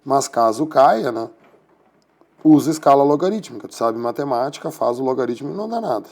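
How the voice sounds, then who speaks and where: A man's voice: medium pitch, animated, fairly quick, a little mellow. A man giving a classroom physics lecture, explaining patiently and checking in with his students after nearly every point. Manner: explanatory, repeats tags like "tá?" and "né?". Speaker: physics teacher.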